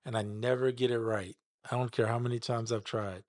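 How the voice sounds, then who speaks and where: A man's voice: medium pitch, steady tone, brisk, dry recording. A man hosting a live stream, chatting casually while he demonstrates a mix. He is easygoing, stumbles over names and repeats them as he works them out.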